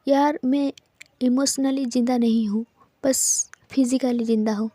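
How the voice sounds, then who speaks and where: A wisecracking young man full of playful teasing, as a woman narrator puts him on. The voice sits high and dark-toned, with a dry, close sound. He jokes and needles his friends in an easy storybook manner. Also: fairly even intonation, a little slow, no room sound.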